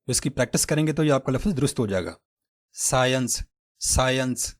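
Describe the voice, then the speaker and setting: A man with a Pakistani accent teaching English pronunciation step by step, saying example words slowly and repeating them. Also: medium pitch, expressive, a little mellow. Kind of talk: pronunciation lesson.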